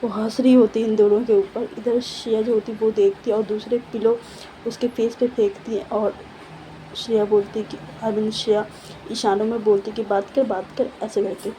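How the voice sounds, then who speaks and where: A woman's voice: on the high side, flat delivery, normal speed, dark tone, a little hiss or hum, poor audio. A woman casually narrating a love story, chatty and repetitive, mixing in English words and fillers.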